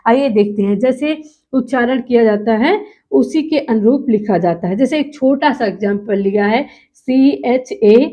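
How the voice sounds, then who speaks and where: High-voiced woman teaching a class. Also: moderate pace, mellow. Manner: asks the class questions and answers them herself; drags out key words for emphasis. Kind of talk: classroom-style lecture. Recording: muffled lo-fi recording.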